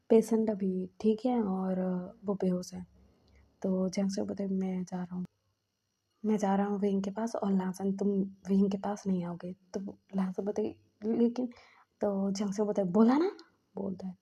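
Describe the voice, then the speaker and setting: A woman's voice: mid-range voice, fairly even intonation, normal speed, warm tone, slightly rough. A woman casually retelling a romance fan story, quoting every character in her own voice.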